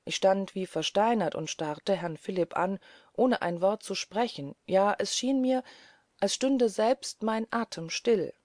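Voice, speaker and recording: A woman reading a classic novel aloud as an audiobook narrator, calm and even. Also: mid-range voice, unhurried, dry recording, clean studio sound.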